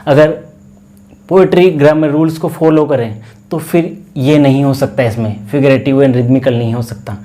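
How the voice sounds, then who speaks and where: A man with an Indian accent teaching an English class, explaining each point carefully and repeating key words as he reads the English slowly. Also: mid-range voice, fairly even intonation, warm tone. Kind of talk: classroom lecture.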